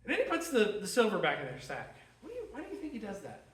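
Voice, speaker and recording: A man teaching a Sunday school class in an animated way, asking his listeners questions as he goes. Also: high voice, fast talker. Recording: echoey room, mic at a distance.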